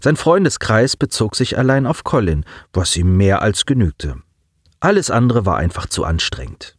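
A man narrating an audiobook in a lively, expressive reading style. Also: lowish voice, normal speed, no room sound, studio quality.

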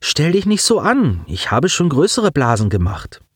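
A man voicing a calm, clever teenage girl. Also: fairly high pitch, normal speed, husky, no room sound, clean studio sound, voice pushed up, full character voice. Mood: dismissive.

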